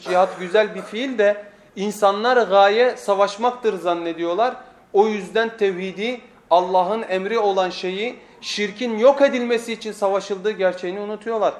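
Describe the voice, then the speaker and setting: A man's voice: high-pitched, steady tone, normal speed. A man preaching a weekly sermon lesson at a pulpit microphone, emphatic, repeating phrases and putting rhetorical questions to his listeners.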